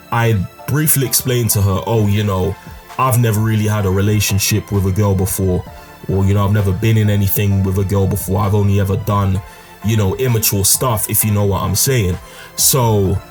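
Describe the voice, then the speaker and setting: A young man casually retelling a personal story, full of slang and fillers. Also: lowish voice. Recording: faint music behind. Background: faint background music.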